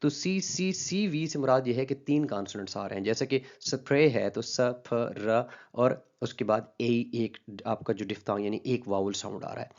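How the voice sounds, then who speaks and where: A man teaching phonetics in a slow, repetitive lecture full of "uh" fillers and rhetorical questions. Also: mid-range voice, a little mellow, lo-fi sound. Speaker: linguistics teacher. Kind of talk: explanatory lecture.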